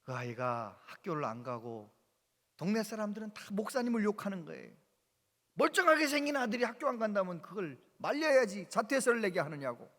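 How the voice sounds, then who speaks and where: High-voiced man preaching in a hall. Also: a little fast. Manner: animated storyteller with exclamations. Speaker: pastor. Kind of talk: sermon storytelling. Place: church sanctuary. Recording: reverberant church hall.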